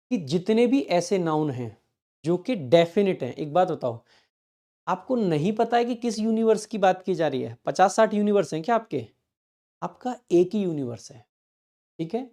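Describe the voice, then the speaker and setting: A man with a mellow, relaxed tone runs an online exam-prep grammar lesson. He reads each example sentence slowly and clearly, then turns to his students with quick questions to check they follow. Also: high-pitched. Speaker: English teacher for exam prep.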